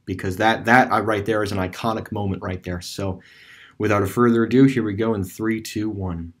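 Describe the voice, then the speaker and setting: A man's voice: on the low side, steady tone, brisk. A man giving rambling, casual voice-over commentary on a screen-recorded map tour, with many fillers and restarts. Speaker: video creator touring a closed store on street view.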